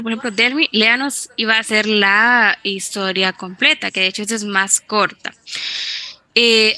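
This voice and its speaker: A woman teaching an online English class, who explains in Spanish and slowly repeats English phrases to model their pronunciation. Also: on the high side, bright, forceful tone.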